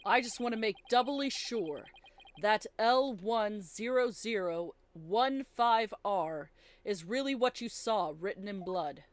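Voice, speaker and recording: A woman's voice: medium pitch, animated, takes it slowly. A woman reading out a confident young male defense attorney's game lines with emphatic, dramatic declarations. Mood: probing. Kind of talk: reading game dialogue aloud.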